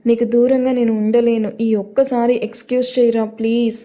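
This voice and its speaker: Sorry young husband, read by a woman narrator, begging and apologetic, mellow tone. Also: a little high, flat delivery, a little fast, lightly acted. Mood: pleading. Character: young man, a remorseful, pleading husband.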